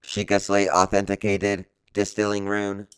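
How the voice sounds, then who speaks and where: A man doing a flat robot voice. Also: fairly low pitch, clear, resonant tone, pitched below the performer's own voice, low-quality recording. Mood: robotic. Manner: slow monotone robotic delivery. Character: flat robotic male device voice, emotionless announcer. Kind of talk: gaming commentary with put-on voice.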